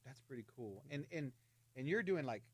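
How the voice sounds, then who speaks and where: A man's voice: medium pitch, animated, moderate pace, slightly rough, no room sound. A man hosting a casual radio studio chat, joking and acting out quoted voices. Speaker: radio show host.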